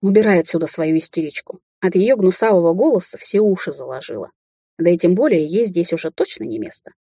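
A woman's voice: lowish voice, expressive, a little fast, dark tone, husky, dry recording, studio quality. A woman voicing a cocky young werewolf ruler in an audiobook, growling and teasing. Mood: irritated.

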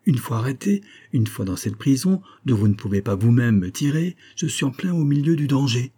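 A man's voice: lowish voice, mellow, slightly rough. A man voicing a grave, insistent imprisoned colonel. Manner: earnest, pressing argument.

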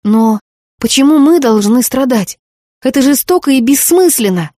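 A woman's voice: high voice, animated, moderate pace, no echo, studio quality, voice pushed up. A woman reading a furious defiant teenage girl. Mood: indignant. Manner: shouting, accusing, defiant. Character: angry, defiant teenage daughter. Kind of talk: audiobook character reading.

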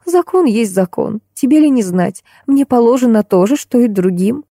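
A woman voicing a frail, gentle elderly woman who speaks in a faint, rustling, trembling voice, tired and pleading. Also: a little high, expressive, normal speed, no room sound, studio quality, voice pushed up. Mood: weary. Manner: tired, pleading, soft-spoken. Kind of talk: audiobook character voice.

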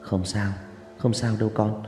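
Man doing tired scolding mother, curt, mellow, lively intonation, reverb, faint music. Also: fairly low pitch, unhurried, lightly acted. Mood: soothing. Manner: scolding then soothing. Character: tired, snappish village mother.

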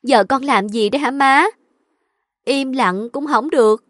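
A woman's voice: high voice, measured pace, fairly bright tone, dry recording, studio quality, voice pushed up. A woman voicing a spoiled, whining young married daughter complaining to her mother. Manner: whiny, complaining.

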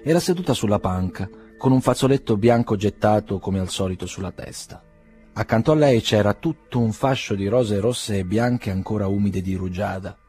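A man reading a novel aloud in calm, measured narration. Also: on the low side, soft background music. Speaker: audiobook reader. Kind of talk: scripted narration.

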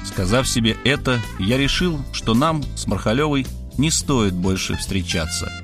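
A man narrating an audiobook in the first person with expressive storytelling. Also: medium pitch, moderate pace, music in the background.

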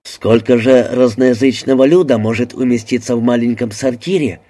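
A man's voice: medium pitch, fairly even intonation, normal speed, warm tone, natural voice. A man voicing a dry, sardonic American man keeping his wits in a crowded toilet. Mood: wry.

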